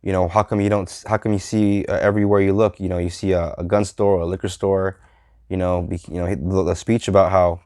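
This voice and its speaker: Thirties male vlogger, deep voice, loose and halting delivery, dry room. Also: level tone, darkish tone, smooth, no echo. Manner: halting, heavy with fillers and restarts. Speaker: movie reviewer. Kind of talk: casual unscripted vlog.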